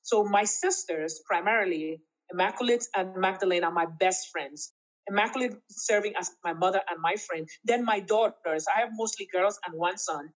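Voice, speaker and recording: A woman's voice: medium pitch, moderate pace, low-quality recording. A woman in her fifties, an interview guest talking in an emphatic, laughing way with big upward swoops. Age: 50s. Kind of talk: casual interview chat.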